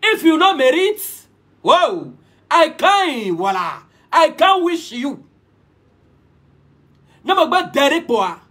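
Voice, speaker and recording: A man's voice: very high voice, sing-song, slow pace, long pauses, a bit bright. A man giving a preachy, repetitive live-stream monologue, switching languages mid-sentence. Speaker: livestream host.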